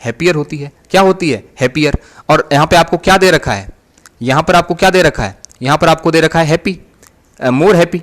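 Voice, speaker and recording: A man's voice: on the high side, a little fast, fairly bright tone. A man giving an English grammar lecture in Hindi, repeating each point and answering his own questions. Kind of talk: recorded online lecture.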